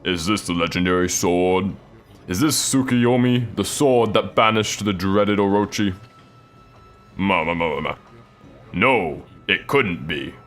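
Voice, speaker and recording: A man voicing a curious young village man in a game story, spoken in a low, ominous voice. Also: a little slow, a bit bright, soft background music. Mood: wondering.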